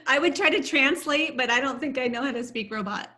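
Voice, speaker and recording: A woman's voice: high voice, a little fast, sharp tone. Playful woman hosting an online call. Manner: playful and teasing. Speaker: host. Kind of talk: casual online talk.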